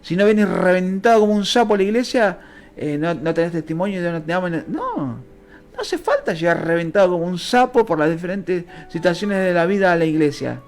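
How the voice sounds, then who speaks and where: In a sing-song, fairly quick delivery, a man with a Rioplatense Spanish accent preaches an impassioned, emotional Bible sermon. His pitch keeps moving between low and high registers.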